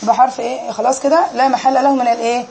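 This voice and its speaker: A woman's voice: fairly high pitch, fairly even intonation, rapid-fire, warm tone, slight background noise. A woman with an Egyptian accent teaching an Arabic grammar lesson in a classroom, quizzing her students and drilling them on each answer.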